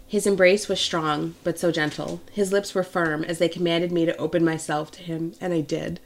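A woman's voice: lowish voice, level tone, moderate pace, gravelly. Woman narrating a romance audiobook. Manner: intimate, emotional storytelling. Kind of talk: first-person romance narration.

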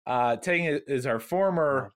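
A man co-hosting a podcast, reading listener emails aloud with joking deadpan asides in casual chat. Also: medium pitch, unhurried. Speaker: podcast co-host.

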